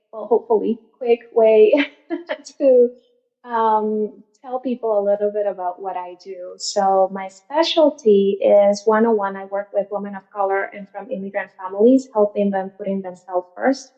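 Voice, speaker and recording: A woman, earnest and a little hesitant as she reflects on her work. Her pitch sits mid-range for a woman. The audio is slightly muffled and lo-fi. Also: mellow. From Venezuela. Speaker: guest therapist. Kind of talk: casual interview answers.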